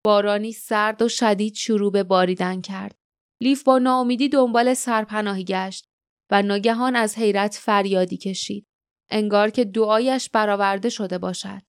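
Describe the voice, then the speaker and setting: A woman narrating a fantasy audiobook in a steady, measured storytelling manner, close to the mic in a booth. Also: mid-range voice, clear, resonant tone, dry recording. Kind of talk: scripted narration.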